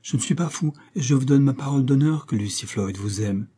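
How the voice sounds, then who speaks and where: A man reading as an effusive tipsy young gentleman. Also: medium pitch, a little fast, husky, natural voice. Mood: pleading.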